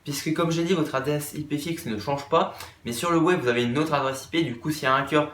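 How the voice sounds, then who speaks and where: A man's voice: a little high, fairly quick, fairly bright tone, echoey room, slight background noise. A man presenting a casual tech explainer to viewers in an upbeat, chatty way. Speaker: tech YouTuber.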